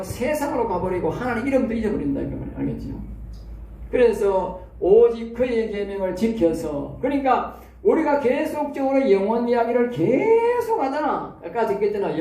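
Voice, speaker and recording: A man's voice: high voice, warm tone. A man with a Gyeongsang accent preaching an expository sermon to theology students. He keeps checking in with "eh?" and asks rhetorical questions. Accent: Gyeongsang Korean. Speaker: pastor teaching theology students. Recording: echoey room, mic at a distance.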